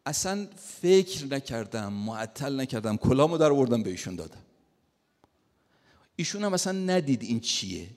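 A man preaching a sermon as a story, acting out quoted lines with sudden loud bursts. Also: medium pitch, vocal fry, long reverb tail.

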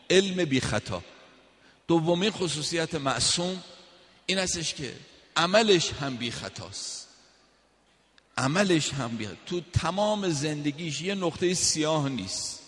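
Guy preaching a sermon, chatty storytelling, quotes verses, voice ringing out in a big hall. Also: mid-range voice.

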